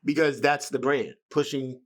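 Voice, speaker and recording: A man's voice: mid-range voice, fairly even intonation, moderate pace. Laid-back slangy man on a podcast. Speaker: real estate agent, podcast guest. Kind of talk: casual podcast chat.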